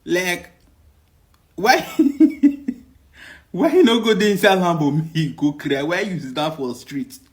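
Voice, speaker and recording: A man's voice: high voice, animated, slow pace. A man giving laughing, mocking commentary in pidgin. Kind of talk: reaction commentary.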